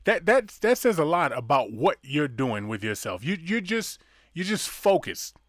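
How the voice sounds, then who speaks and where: A man with a slightly high, very lively voice trades jokes with his co-host in a casual podcast chat. He swears freely and slips into silly voices for his bits. The recording is close and dry. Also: normal speed, no room sound.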